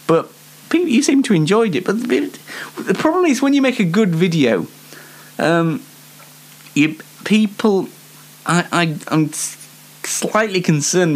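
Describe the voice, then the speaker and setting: A young Yorkshireman with a slightly high voice hosts a comedy web show, rambling hesitantly to viewers. He's self-deprecating and puts on a dry, mock-indignant air.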